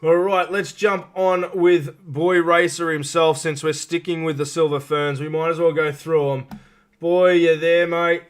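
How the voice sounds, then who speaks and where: A man's voice: on the high side, flat delivery, unhurried, smooth. A man hosting a casual live interview show, matey and informal, feeling his way through questions.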